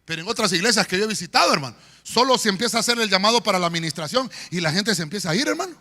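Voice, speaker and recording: A pastor preaching a sermon in a church, swinging between shouts and quiet murmurs. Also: male voice, sits high, expressive, rapid-fire. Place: church sanctuary. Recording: long church hall reverb.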